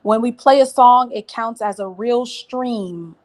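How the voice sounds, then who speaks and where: Female radio host, slightly high voice, blunt and encouraging in casual talk. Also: a little slow, darkish tone.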